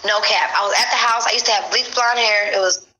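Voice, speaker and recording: A young adult woman telling a gossipy story on her livestream in a casual, animated way, acting out what others said. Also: a little high, fast talker, heavy background noise. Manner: animated gossip, acts out quotes. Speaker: live streamer.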